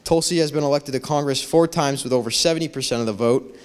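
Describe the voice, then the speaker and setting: A man's voice: mid-range voice, fast talker. A teenage boy on a school auditorium stage, reading an introduction from a paper into a handheld mic. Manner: reads steadily from a paper. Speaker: student introducing a speaker.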